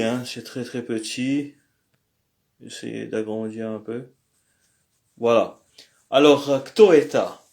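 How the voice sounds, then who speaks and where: Guy teaching a lesson really slowly, lots of pauses and ums, mid pitch. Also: gravelly, darkish tone. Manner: slow and hesitant, many pauses and "euh". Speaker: language teacher. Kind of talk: screen-recorded lesson.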